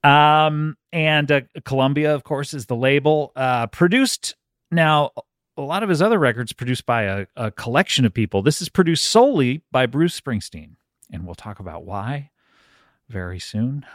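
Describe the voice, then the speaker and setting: A man's voice: medium pitch, lively intonation, normal speed, fairly bright tone, no echo, clean studio sound. A man co-hosting a podcast in casual, comedic banter with an informal, bantering manner. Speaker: podcast host.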